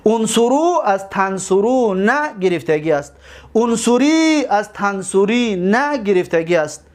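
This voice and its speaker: A man teaching a grammar lesson, repeating word forms slowly and asking his own questions. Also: high voice, animated, a little mellow.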